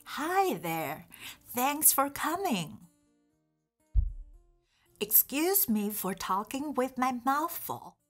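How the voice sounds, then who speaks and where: A woman voicing a friendly, curious young male beaver puppet in a children's show, chatting gently and straight to the viewer. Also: high voice, animated, slow, soft background music, full character voice.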